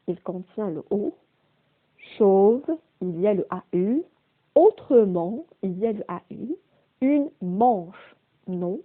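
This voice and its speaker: A woman teaching a primary school phonics lesson, slowly repeating and stressing each word's sounds. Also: fairly high pitch. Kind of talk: slow, deliberate remote phonics lesson. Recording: phone-quality, narrow-band audio.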